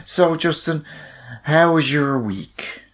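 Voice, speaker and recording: A man's voice: a little high, takes it slowly, fairly bright tone. A man co-hosting a casual chat, teasing his partner in a dry, playful way. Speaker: co-host.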